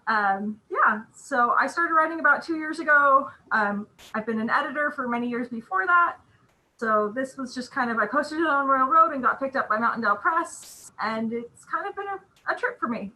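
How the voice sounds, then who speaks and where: Woman, author, bright voice, slightly high, nervous, chatty, video call. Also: rough recording. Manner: nervous, chatty, self-deprecating. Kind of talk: casual intro and book reading. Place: home room, video call.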